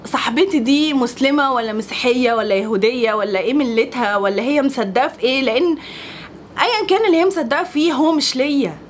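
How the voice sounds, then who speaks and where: Young Egyptian woman vlogger, high bright voice, rapid animated chatter, faint hiss behind. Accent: Egyptian Arabic. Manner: animated, laughs often, exasperated. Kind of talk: casual Q&A vlog talk.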